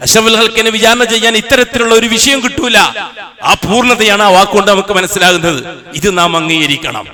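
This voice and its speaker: A man preaching a Friday sermon in a mosque with a Kasaragod Malayalam accent, slowly chanting Arabic verses and then explaining them with impassioned force. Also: high-pitched, sharp tone.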